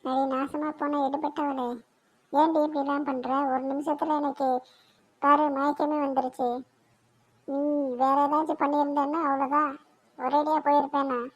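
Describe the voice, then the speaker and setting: A woman's voice: high voice, little pitch movement, moderate pace, lightly acted. A woman voicing a fussy, scolding elderly grandmother in a cartoon. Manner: scolding, grumbling. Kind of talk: cartoon voice acting.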